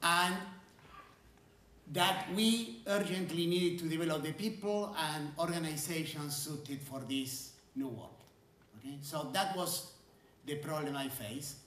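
A man in his sixties from Argentina, an engineering school dean giving a conference keynote on a large stage, measured and emphatic, stretching key words. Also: on the high side, a bit bright. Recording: roomy hall sound from a distance.

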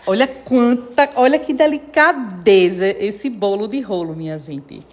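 A woman's voice: medium pitch, a little slow. Chatty Northeastern Brazilian woman vlogger. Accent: Northeastern Brazilian Portuguese. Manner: emotional and chatty, keeps addressing viewers. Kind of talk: casual chat to followers. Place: at home.

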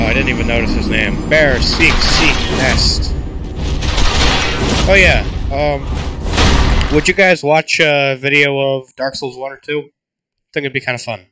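A man with a cold talks through a match in a loose, rambling way, poking fun at himself and stopping to cough. His pitch sits in an ordinary middle range. Loud game music plays underneath him. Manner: rambling, self-deprecating. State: sick, coughing. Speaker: gaming channel host. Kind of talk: casual gameplay commentary.

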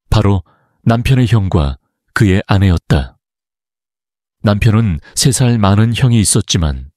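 A man narrating a family drama story in an even, scripted read. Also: on the low side, no room sound, studio quality.

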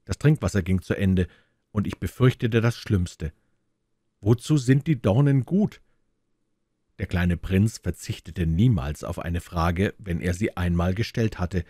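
A man narrating a classic storybook aloud, with calm, measured delivery. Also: low voice, breathy edge, dry recording, studio quality. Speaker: audiobook reader.

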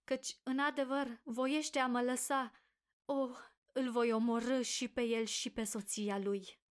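A woman voicing a heartbroken, desperate young woman who pleads slowly and dramatically, as if through sobs. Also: a little high, fairly even intonation, clean tone, natural voice. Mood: despairing. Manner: sobbing, pleading, slow dramatic delivery. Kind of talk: audiobook character reading.

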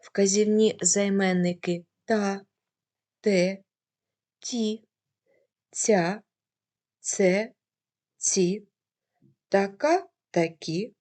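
A woman's voice: medium pitch, a little mellow. A woman teacher reading a scripted grammar lesson, carefully saying word forms one by one.

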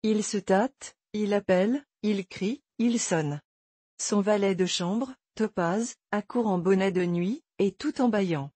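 A woman reads a classic tale aloud as an audiobook narrator, measured and even. Her voice is warm with a breathy edge. It sits dry and close to the mic. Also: mid-range voice, dry recording. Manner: measured storytelling. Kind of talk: scripted narration.

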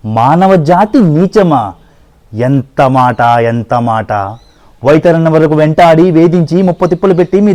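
A man playing a cheeky male human thief who makes a loud, theatrical speech. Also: fairly high pitch. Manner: loud, theatrical, pleading oratory.

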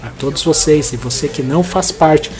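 A man's voice: on the high side, moderate pace. Upbeat male events host, headset mic. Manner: upbeat announcer reading listings, friendly asides. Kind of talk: events roundup and birthday greetings. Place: indoors against a plain bright wall.

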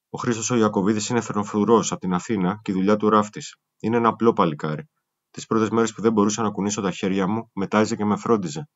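A man reading a first-person memoir aloud in a steady, grave storytelling manner. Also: on the low side. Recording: muffled lo-fi recording.

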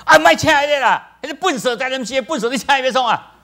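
A man putting on a loud, shrill, mocking voice of another man. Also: lively intonation, fast, creaky, heavily acted.

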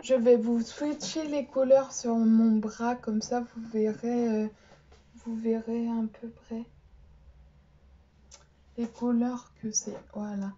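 Slow, hesitant young woman vlogger. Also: a little high, fairly even intonation, dark tone, muffled recording. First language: French. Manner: slow, hesitant, many fillers. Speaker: beauty vlogger. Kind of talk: casual show-and-tell vlog.

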